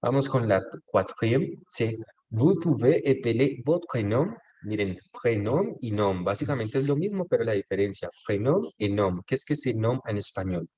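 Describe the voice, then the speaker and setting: A man's voice: mid-range voice, lively intonation, normal speed, dark tone. A man teaching French in an online class, patiently checking that students follow and mixing French phrases into Spanish explanations over a video call. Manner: patient, often checks understanding with tag questions.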